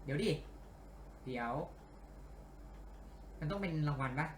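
A man giving casual let's-play commentary, animated and grumbling and cursing at the game as he plays. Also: on the high side, a little slow, reverberant, slight background noise. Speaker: game streamer.

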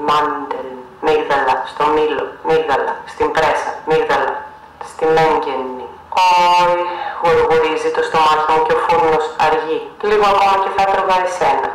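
A man's voice: fairly high pitch, a bit bright, lightly acted. Man putting on a gloating menacing dictator. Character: boastful menacing male dictator on the phone. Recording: echoey venue, mic far off.

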